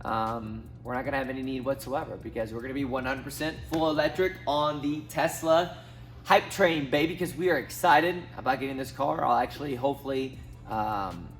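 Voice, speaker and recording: Soft music plays behind this man in his thirties, a finance YouTuber from Southwest Missouri in the USA, as he rambles casually to camera with lots of ums and restarts. His voice sits at a medium pitch, a bit bright, and his pace is brisk.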